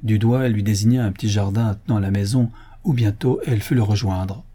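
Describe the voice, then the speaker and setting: A man reading a story as an audiobook narrator, in a measured, even manner. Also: lowish voice, husky.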